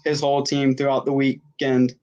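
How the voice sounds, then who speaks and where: A man calling in over a video call, his audio glitching and robotic, talking in a halting way with many fillers. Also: medium pitch, flat delivery, darkish tone. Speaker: call-in guest. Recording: dull, lo-fi glitchy internet call with faint guitar music.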